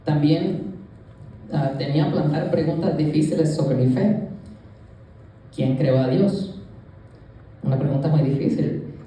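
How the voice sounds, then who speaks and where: A young youth leader from Puerto Rico earnestly recounts his testimony to a church congregation, addressing them directly in the sanctuary. His somewhat high, mellow voice is unhurried and pauses often, sounding distant in the echoey hall.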